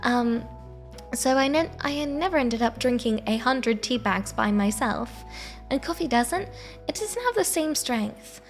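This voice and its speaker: A woman streamer chatting casually in a sleepy, soft, meandering way. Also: on the high side, animated, measured pace. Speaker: live streamer. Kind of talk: casual rambling livestream chat. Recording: soft background music. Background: quiet background music.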